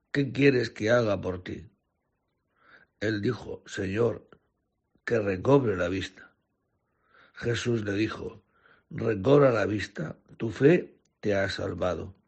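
Slow gravelly priest preaching. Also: male voice, on the low side, darkish tone. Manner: slow, earnest preaching with self-corrections. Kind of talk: gospel reading and homily.

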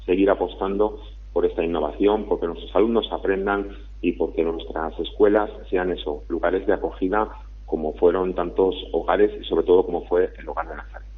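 Deep, husky man on a phone line. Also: fairly even intonation, fairly quick. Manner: earnest, fluent, speech-like answers. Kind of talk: radio interview over the phone.

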